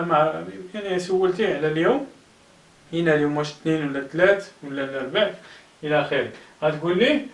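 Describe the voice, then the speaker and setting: A man's voice: high voice, roomy sound, distant mic, poor audio. A man with a Moroccan Arabic accent teaching a beginner English lesson, stretching out each model word and repeating it for learners. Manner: slow, drawn-out model words repeated for learners.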